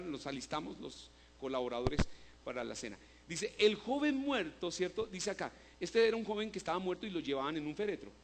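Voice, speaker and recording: Pastor guy preaching hard, higher voice, keeps asking the crowd, big shouts sometimes. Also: slight background noise. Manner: emphatic preaching, asks "¿cierto?" often, bursts into loud shouts of praise. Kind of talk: sermon.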